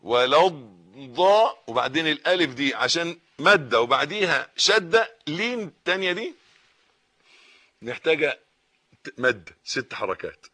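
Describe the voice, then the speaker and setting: A man with an Egyptian Arabic accent teaching Quran recitation, reciting slowly and patiently correcting each word's pronunciation. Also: a little high, lively intonation, sharp tone, breathy edge. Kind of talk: slow recitation lesson with corrections.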